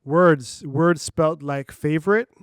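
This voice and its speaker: A man's voice: fairly high pitch, unhurried, clean tone, dry recording, clean studio sound. A man co-hosting a casual chat, emphatic and opinionated, a parent of a young child. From Canada. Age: adult parent of a young child. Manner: opinionated, emphatic, spells words out. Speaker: podcast co-host.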